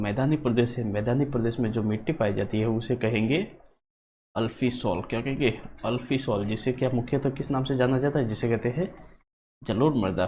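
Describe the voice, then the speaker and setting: A man's voice: medium pitch, darkish tone. A man teaching who quizzes his class. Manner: repeats points as questions to the class. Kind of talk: exam-prep geography lesson. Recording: dull lo-fi sound, faint hum.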